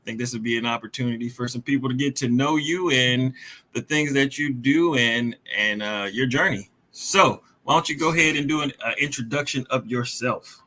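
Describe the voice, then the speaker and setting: Male podcast host; friendly, rambling delivery full of uhs, bright and forward tone. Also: medium pitch, normal speed. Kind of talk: casual interview.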